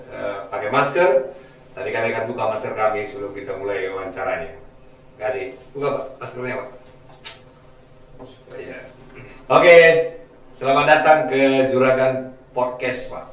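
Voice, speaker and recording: A man's voice: mid-range voice, fairly bright tone. A Batak man from North Sumatra hosting a podcast, interviewing his guest in a friendly, jokey way. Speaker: podcast host. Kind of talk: casual interview chat. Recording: very echoey room.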